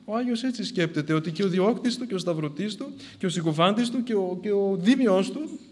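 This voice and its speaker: A man preaching a sermon, telling a saint's story with swings between loud outbursts and hushed asides. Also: high-pitched, expressive.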